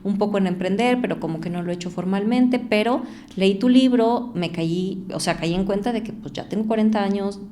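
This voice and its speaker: A woman, an entrepreneur and author, talking as a guest in an interview, reflective and growing more lively when she tells stories. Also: mid-range voice, brisk, hardly any pauses. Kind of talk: conversational interview.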